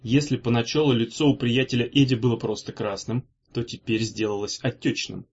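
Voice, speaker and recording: A man narrating an audiobook in an expressive, animated reading style. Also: medium pitch, brisk, breathy edge. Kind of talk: scripted narration. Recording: dull lo-fi recording.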